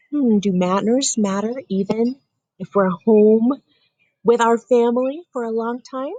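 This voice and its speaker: Husky teacher lady reading a kids book into her webcam, dry sound, asks the kids lots of soft questions. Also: mid-range voice, no echo, low-quality recording. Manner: gentle, questioning, talks to young children. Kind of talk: picture book read-aloud.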